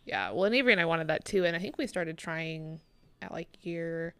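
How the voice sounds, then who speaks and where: Relaxed woman in her late twenties, dry sound. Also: sits low, a little fast, clear, resonant tone, dry recording. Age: 20s. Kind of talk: casual chat.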